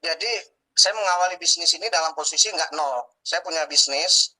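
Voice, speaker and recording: Man, late 30s, interview guest, earnest testimonial, bright and ringing tone, slightly high voice. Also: normal speed, rough recording. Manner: earnest, many fillers and tag "ya". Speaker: guest businessman.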